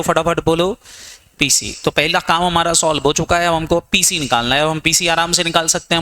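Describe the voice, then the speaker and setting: An Indian man gives an accounting lecture, firing questions at his students and pressing for quick answers. His voice is crisp, bright and a little high. He slips English accounting terms into his Hindi. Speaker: accounting teacher. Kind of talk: classroom lecture.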